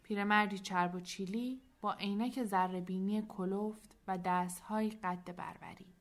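A woman narrating a storybook, soft and at times nearly whispering. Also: mid-range voice, fairly even intonation. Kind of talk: storybook reading.

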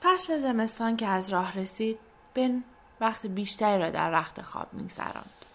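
A woman reading a children's storybook aloud in a soft, gentle way, sometimes dropping almost to a whisper. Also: fairly high pitch, expressive. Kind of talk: scripted storybook narration.

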